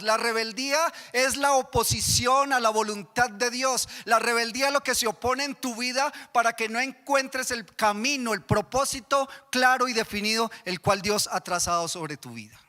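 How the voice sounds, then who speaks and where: A pastor's sermon rings through a church hall's reverb, delivered by a man with a Colombian accent. His pitch is extremely high, pushed and bright, and he keeps directing questions at the congregation.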